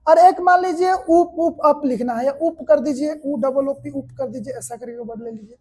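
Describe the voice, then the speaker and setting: A woman shorthand teacher with a Hindi accent, giving a classroom lecture and explaining step by step while asking her students quick questions. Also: very high voice, warm tone. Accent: Indian Hindi.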